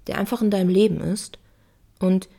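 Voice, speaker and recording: A woman with a warm, mellow tone and a gravelly edge hosts a relaxed self-help podcast monologue. She talks conversationally, circling back to repeat her points. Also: mid-range voice, normal speed. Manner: conversational, repeats phrases, acts out examples. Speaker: podcast host.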